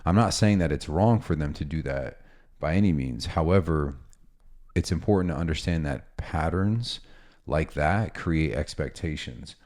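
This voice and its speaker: A man who works as a dog trainer, talking casually and explaining with examples and asides in a relaxed, instructional way. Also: rumbling low, moderate pace.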